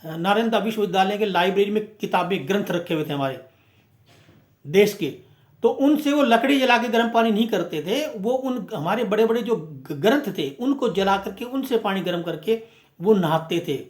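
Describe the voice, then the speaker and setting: A man's voice: sits high, animated, moderate pace. A man giving an impassioned, emphatic speech as a movement speaker, full of rhetorical questions and repeated phrases. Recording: echoey room.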